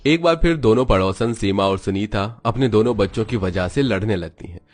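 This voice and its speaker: A man narrating an animated moral story in a scripted, even storytelling way. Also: lowish voice, a little fast.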